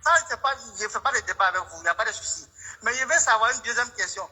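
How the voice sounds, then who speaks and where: Man, caller, very high voice, sharp and husky, polite but pressing, reverberant sound. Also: fast. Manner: polite but pressing, keeps saying allô. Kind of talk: live call-in debate.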